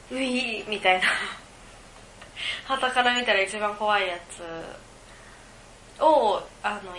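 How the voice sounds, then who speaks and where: A woman's voice: medium pitch, sharp tone, echoey room, slight background noise. A woman hosting a casual podcast alone, reading listener mail and rambling with frequent giggles as she thinks aloud. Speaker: podcast co-host. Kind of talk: casual solo podcast chat.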